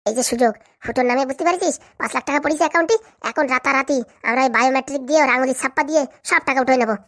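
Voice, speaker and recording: A woman's voice: high voice, very fast, fairly bright tone. A woman voicing a scheming older sister in a cartoon who coaxes and plots. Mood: conspiratorial. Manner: coaxing, conspiratorial. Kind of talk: cartoon voice acting.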